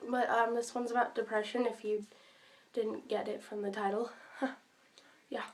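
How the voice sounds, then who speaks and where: A teenage girl records a personal vlog, her voice sitting a little high. She speaks hesitantly, filling pauses and restarting her sentences. She is sick and talks around a cough drop. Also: little pitch movement. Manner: hesitant, many ums and restarts. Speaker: vlogger. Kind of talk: personal vlog talking to camera.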